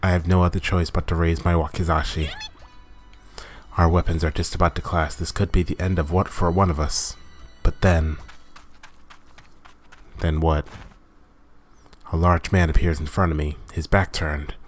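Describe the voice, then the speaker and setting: Deep-voiced man reading game text. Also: soft background music. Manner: steady, measured reading with small slips. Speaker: gaming channel host.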